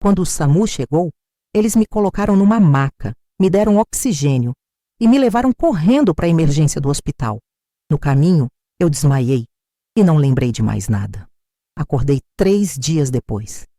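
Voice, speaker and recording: Low, dark Brazilian woman telling a story. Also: lively intonation, normal speed, no echo, clean studio sound. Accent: Brazilian Portuguese. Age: older. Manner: dramatic, tense, emphatic. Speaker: narrator. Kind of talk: dramatic first-person storytelling.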